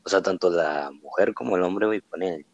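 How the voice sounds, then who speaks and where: A young man with a Mexican accent chatting casually, relaxed and slangy, often hesitating over his words. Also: low voice, a little fast, dry recording, highs cut off. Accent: Mexican Spanish. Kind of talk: casual chat.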